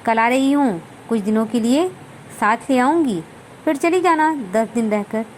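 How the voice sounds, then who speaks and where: A woman voicing a loving mother who soothes her grown daughter and gently but firmly refuses her. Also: on the high side, unhurried, slight background noise, close to an everyday voice.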